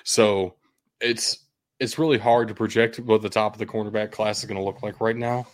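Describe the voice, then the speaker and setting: A man's voice: lowish voice, fairly even intonation, normal speed, dry recording, clean studio sound. A man hosting a sports show, giving casual, opinionated and blunt commentary with the occasional swear word.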